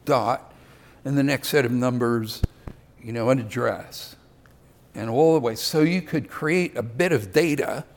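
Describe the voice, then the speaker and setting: An older man giving a conversational sermon, with self-deprecating asides. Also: medium pitch. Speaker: preacher.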